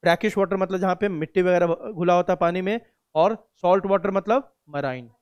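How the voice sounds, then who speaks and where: A man's voice: high voice, brisk, a little mellow, clear, resonant tone, no echo. A male biology teacher, lecturing a class in a conversational way, asking questions and answering them himself and often checking that students follow. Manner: asks and answers own questions; frequent checks like "samjhe".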